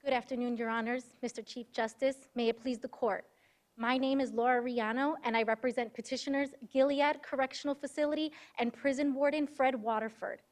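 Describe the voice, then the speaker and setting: A woman's voice: high-pitched, fairly even intonation, brisk. A young woman law student delivering a formal, rehearsed oral argument as counsel in a moot court. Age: young adult.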